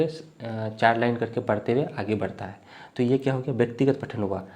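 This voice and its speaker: A male teacher with a medium-pitched, mellow voice is unwell and coughing as he delivers exam-prep material. He stays patient and repetitive, explaining slowly and frequently checking in with "thik hai."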